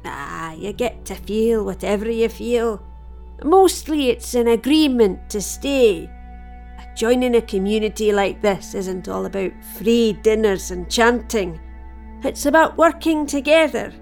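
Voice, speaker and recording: A woman's voice: a little high, animated, a little slow, gravelly, darkish tone, faint music behind. A middle-aged woman with a broad Scottish accent playing a wry, teasing, motherly villager in an audio drama. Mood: matter-of-fact, kindly. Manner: dry, teasing, matter-of-fact.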